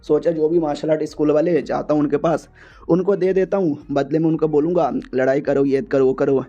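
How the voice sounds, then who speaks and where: A man's voice: fairly high pitch, fairly even intonation, brisk, dark tone, natural voice. A man voicing a confident, bossy young male martial arts hero in a casual, commanding tone. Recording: muffled lo-fi audio.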